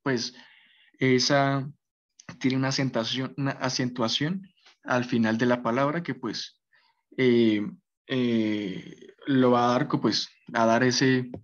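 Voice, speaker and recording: A man's voice: mid-range voice, fairly even intonation, slow. A man teaching a basic French class, explaining patiently and often checking that his students follow. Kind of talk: basic language lesson. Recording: dull lo-fi recording.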